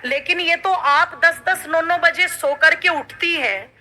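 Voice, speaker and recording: A woman's voice: extremely high pitch, slow, bright, forceful tone, full character voice. A woman playing a worried elderly father-in-law in a spoken parable, grumbling and complaining.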